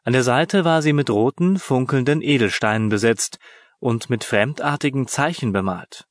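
A man reads a children's story aloud in an expressive, measured way. His voice is mid-pitched and the sound is close and dry, with no room around it. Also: no room sound. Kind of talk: scripted narration.

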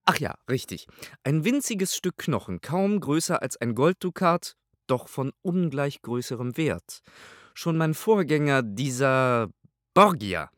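A man's voice: fairly high pitch, animated, unhurried, no room sound, clean studio sound, voice pushed up. A man doing an imperious old pope. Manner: pompous, raised and forceful delivery. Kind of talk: audiobook character voice.

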